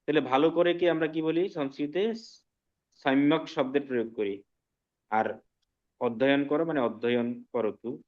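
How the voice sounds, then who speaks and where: A man teaching an online language class, explaining slowly and often checking that students follow. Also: medium pitch, highs cut off. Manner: slow, patient explaining with frequent check-ins to students. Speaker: Sanskrit teacher.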